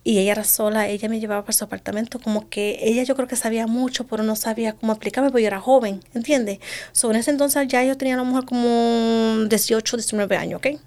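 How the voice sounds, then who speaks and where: A woman telling her own story in an interview, earnest and halting, often restarting her sentences and slipping in English words. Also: fairly high pitch, fairly even intonation, darkish tone. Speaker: guest sharing her story. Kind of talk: personal testimony in conversation.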